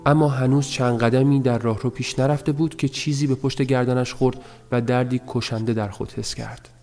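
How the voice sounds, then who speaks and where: A man reading a novel aloud as an audiobook narrator, in a measured, even storytelling manner. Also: mid-range voice, faint music behind.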